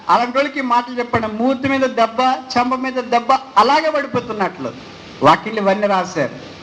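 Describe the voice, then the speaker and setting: A man preaching a sermon, driving points home with repeated rhetorical questions and slowing right down to stress key phrases. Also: very high voice, fairly bright tone, a little hiss or hum, rough recording. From India. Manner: slows sharply to stress English phrases.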